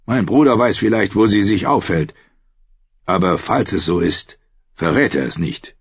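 A man's voice: on the low side, moderate pace, slightly rough, no room sound. A man doing a sardonic knight. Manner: dry, sardonic. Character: cynical, mocking one-handed man knight. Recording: dry, slightly dull studio audio.

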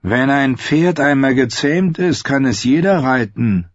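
A man voicing a meek, balding older skinchanger who speaks softly and mildly with quiet menace. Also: medium pitch, lively intonation, a little slow, dry recording, pitched above the performer's own voice. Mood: sinister. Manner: soft, mild, sinister. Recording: slightly dull, dry recording.

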